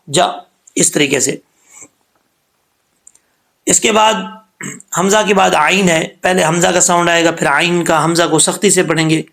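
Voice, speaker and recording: A man giving a Quran recitation lesson, who explains each rule patiently and slows down to model the sounds. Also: fairly high pitch, vocal fry, a bit bright.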